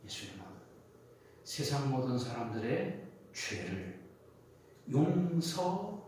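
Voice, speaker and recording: A man's voice: mid-range voice, sing-song, takes it slowly, a little mellow, slight background noise. A male pastor preaching a sermon, telling stories with animation and posing questions to the congregation. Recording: echoey church hall from a distance.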